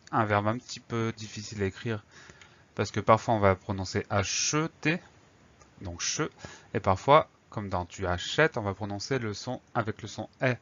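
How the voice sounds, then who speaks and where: A man teaching a spelling lesson, slowly spelling out words letter by letter. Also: lowish voice, fairly bright tone, lo-fi sound.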